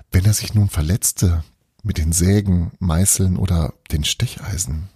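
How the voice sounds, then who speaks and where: A man narrating a children's storybook in an expressive, lively way, hosting an advent podcast. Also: deep voice, gravelly, husky, no echo, studio quality.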